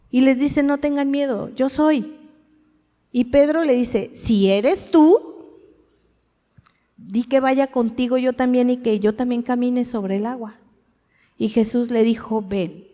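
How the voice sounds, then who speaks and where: A woman with a fairly high voice preaches a sermon. She talks to the congregation in a conversational way, asks them questions and acts out short quoted lines of dialogue. A long hall reverb trails her words. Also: steady tone, measured pace, dark tone.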